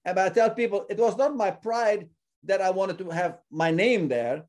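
A ministry founder from Suriname appears as a guest in a casual interview, his voice fairly high and warm. He speaks earnestly but haltingly, often repeating words while he searches for the right ones.

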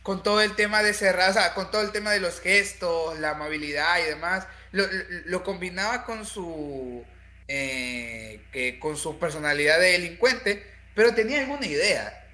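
Male podcast co-host, sharp bright voice, slangy and relaxed, recorded in an echoey room. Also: high voice, normal speed. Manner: laid-back, slangy. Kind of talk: casual podcast chat.

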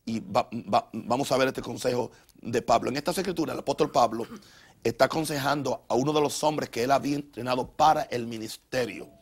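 A man's voice: medium pitch, a little fast. Male pastor, middle voice, conversational sermon with lots of restarts. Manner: conversational, with frequent stammered repeats and fillers. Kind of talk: teaching sermon.

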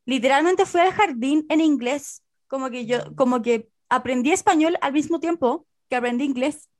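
A woman's voice: sits high, moderate pace, a little mellow. A young woman with a Chilean accent in casual conversation, colloquial, with the odd English word mixed into her Spanish. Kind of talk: casual chat.

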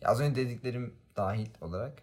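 A man's voice: mid-range voice, racing, a little mellow. A young man casually telling childhood stories to friends, laughing often and using slang. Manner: storytelling with frequent laughs and slang. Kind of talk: casual chat among friends.

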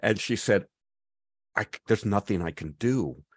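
A man's voice: fairly low pitch, animated, moderate pace, breathy edge. A man in his fifties co-hosting a podcast, telling a long story in casual chat with many restarts. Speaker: podcast co-host.

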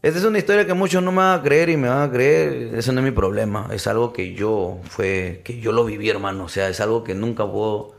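A young man, a podcast guest telling an animated personal story and calling the listener brother. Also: fairly low pitch, fairly quick, creaky, hardly any pauses, faint music behind. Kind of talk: storytelling in casual interview.

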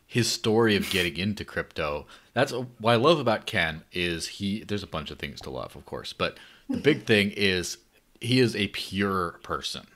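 A man chatting casually on a panel, telling an animated story and acting out the quotes. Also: low-pitched, moderate pace.

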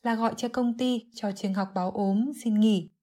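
A woman giving an English vocabulary lesson, explaining clearly and methodically, word by word. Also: on the high side, fairly even intonation, moderate pace, dark tone. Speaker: English teacher.

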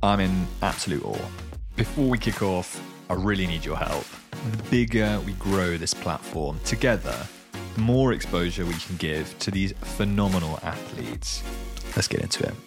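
उत्साही ब्रिटिश पुरुष podcast host, धीमी गहरी आवाज़. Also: male voice, low-pitched, normal speed, music in the background. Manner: enthusiastic, effusive. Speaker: podcast host. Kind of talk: casual interview chat.

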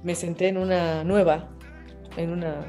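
A young woman with a Mexican accent, a podcast guest telling an animated anecdote and mimicking voices and sounds. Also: lowish voice, measured pace, soft background music. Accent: Mexican Spanish. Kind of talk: casual chat.

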